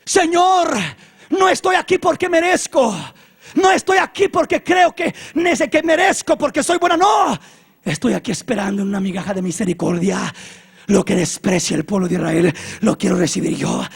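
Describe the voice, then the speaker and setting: A man's voice: high-pitched, steady tone, a little fast, vocal fry, a little mellow, slightly rough, heavily acted. A man preaching a sermon, voicing a desperate foreign mother who pleads and cries out. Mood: humble pleading. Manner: pleading, crying out.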